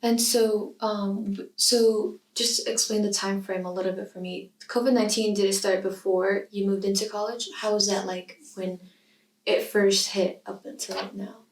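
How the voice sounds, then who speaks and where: A young woman from Iraq, a student interviewer who asks measured questions in an oral history interview. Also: medium pitch, flat delivery. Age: young adult. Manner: reads a scripted intro, then asks measured questions. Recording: roomy sound from a distant mic.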